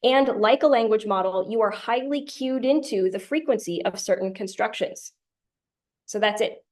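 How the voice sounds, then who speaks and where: A woman presenting a conference tutorial, explaining ideas in a clear lecture style with light humorous asides. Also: mid-range voice, normal speed, a little mellow. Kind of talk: academic lecture.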